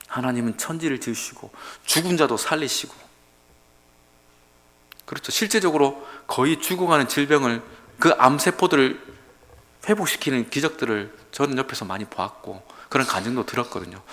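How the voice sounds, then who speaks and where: Lively, dramatic male pastor preaching. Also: medium pitch. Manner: dramatic, acts out dialogue with God in raised voice. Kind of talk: early-morning sermon. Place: church sanctuary. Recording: long hall reverb.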